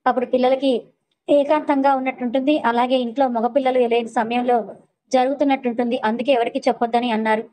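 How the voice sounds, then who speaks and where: A woman voicing a calm middle-aged mother in a spoken story, explaining patiently and gently pleading. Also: sits high, quick pace, close to an everyday voice, poor audio.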